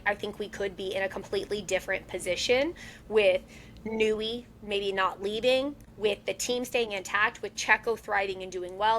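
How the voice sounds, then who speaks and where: A woman co-hosting a podcast in casual chat, talking in a chatty, rambling, animated way. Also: mid-range voice, a little hiss or hum. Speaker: podcast co-host.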